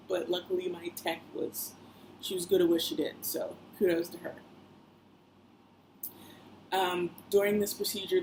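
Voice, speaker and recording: A woman's voice: lowish voice, darkish tone, poor audio. A young woman vlogging in a chatty, rambling way, full of fillers and side remarks. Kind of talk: casual personal vlog. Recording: faint background noise.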